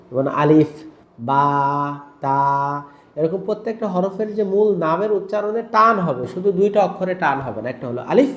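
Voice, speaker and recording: A man's voice: high voice, dull audio. A man teaching Quran pronunciation, patiently explaining letters and often checking that viewers follow. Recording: roomy echo.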